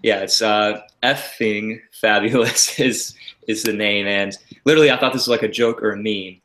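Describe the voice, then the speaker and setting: Chatty low-voiced man in a roomy room. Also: moderate pace, slight background noise. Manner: relaxed, chatty, frequent laughter and filler words. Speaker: livestream co-host. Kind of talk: casual chat. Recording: roomy echo.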